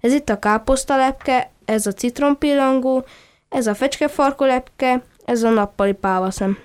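A woman's voice: high-pitched, clean tone, close to an everyday voice. A woman voicing a playful, cheeky little duckling who chatters eagerly and teases.

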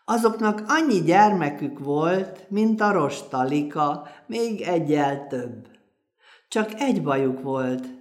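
A woman's voice: sits low, a little mellow. Woman storyteller telling a folk tale.

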